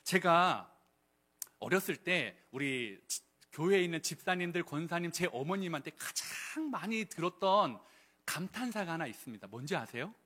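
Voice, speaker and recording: A male pastor preaching a sermon, with lively delivery and frequent questions put to the congregation. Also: a little high, moderate pace.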